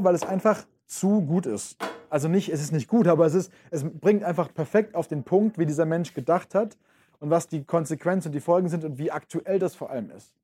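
Man lecturing casually, husky voice, lots of fillers, talks right to you. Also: on the high side, warm tone. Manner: casual, addresses listeners directly, many fillers. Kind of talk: informal lecture.

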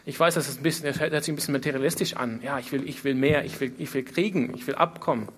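A man speaks fast in a medium-pitched, somewhat bright voice with a breathy edge. He is giving an expository Bible sermon, earnest in delivery, full of emphatic repetition and rhetorical questions.

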